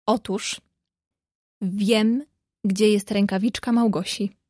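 A woman's voice: mid-range voice, steady tone, slow pace, a little mellow, dry recording, studio quality. A woman voicing a teasing cheerful young man. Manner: playful, teasing.

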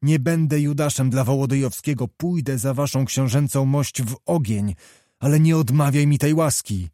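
A man's voice: mid-range voice, moderate pace, mellow, no echo, studio quality, natural voice. Man doing a fiery young nobleman. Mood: fervent pleading. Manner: fervent, pleading, explosive. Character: hot-tempered young male nobleman, impetuous.

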